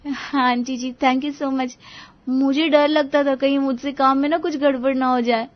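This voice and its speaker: A woman playing a young new daughter-in-law, cartoon, timid, polite, high-pitched, slightly muffled recording. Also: steady tone, a little slow. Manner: polite, anxious to please.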